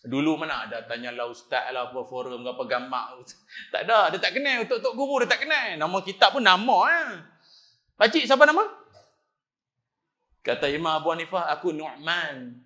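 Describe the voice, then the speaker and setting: Lively Kedah-accented Malay preacher. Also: male voice, on the high side, a little fast, roomy sound. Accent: northern Malaysian Malay (Kedah). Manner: animated, jokey, acts out voices in his stories. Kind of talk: lively mosque lecture with storytelling. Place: mosque.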